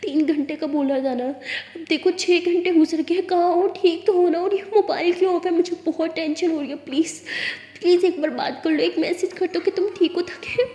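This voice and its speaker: An anxious, clingy teenage girl pleading through tears, as a woman reads her lines in a story. Her voice sits high and mellow, and a long reverb hangs around it. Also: fairly even intonation, a little fast. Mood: tearful pleading. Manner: pleading, teary, high-strung. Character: anxious teenage schoolgirl girlfriend, tearful and clingy. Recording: echoey room with long reverb.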